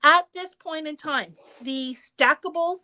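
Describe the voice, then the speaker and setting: A woman with a high, bright-sounding voice hosts a craft shop's live show. She chats in a casual, upbeat way and teases a little as she talks through products and store dates. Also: takes it slowly. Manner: chatty, upbeat, teasing. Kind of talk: casual livestream product chat.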